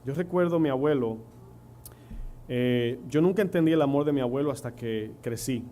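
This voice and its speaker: A man's voice: medium pitch, moderate pace, dark tone. A middle-aged man with a Dominican accent preaching a sermon, telling stories and asking the congregation rhetorical questions. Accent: Dominican Spanish. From Dominican Republic. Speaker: pastor. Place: church. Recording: faint hum and noise.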